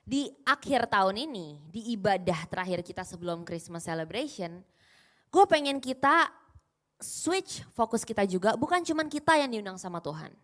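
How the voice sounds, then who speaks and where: A woman's voice: mid-range voice, a bit bright. A young woman gives a casual, conversational sermon and often puts questions to the congregation. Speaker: preacher.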